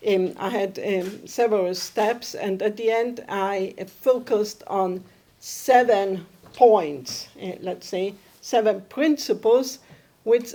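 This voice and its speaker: A woman from Austria, giving a conference presentation and often pausing to search for her words. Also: mid-range voice, dark tone. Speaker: academic conference speaker.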